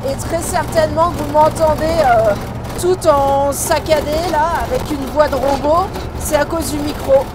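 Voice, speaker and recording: Woman, high voice, choppy robotic-sounding mic, chatty travel narration, loud engine and road rattle. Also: unhurried. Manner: chatty, explaining as she goes. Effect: choppy, robotic-sounding mic distortion. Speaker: travel vlogger. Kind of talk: casual narration while driving. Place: inside a vehicle on a rough dirt road. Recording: loud road noise inside a vehicle.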